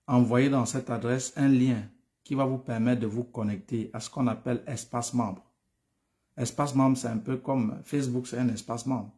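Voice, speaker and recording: A man's voice: mid-range voice, warm tone. Tired man. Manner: familiar, addresses viewers by name, repeats himself. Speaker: study-abroad advisor. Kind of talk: live stream answering viewers.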